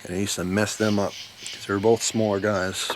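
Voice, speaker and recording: Low-voiced American man spinning a casual yarn. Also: little pitch movement, a little hiss or hum, low-quality recording. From New Jersey, United States. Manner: unhurried, informal, emphatic repetition. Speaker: storyteller, video host. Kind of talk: casual rambling storytelling. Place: outdoors at night near bushes.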